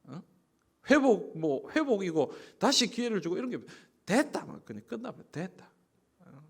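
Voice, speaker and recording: A male pastor with a Gyeongsang Busan accent delivers a Sunday sermon in a fairly high voice. He talks like he is chatting with the congregation, then lifts into loud, emphatic lines before dropping to near-quiet asides. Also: very animated, normal speed, husky. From Busan, South Korea. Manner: conversational preaching, swings from soft asides to emphatic rising lines. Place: church sanctuary.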